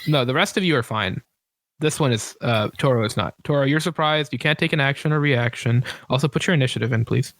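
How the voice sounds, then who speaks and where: A man running a tabletop game as game master, explaining rules in a casual, halting way. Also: mid-range voice, fairly bright tone, dry recording.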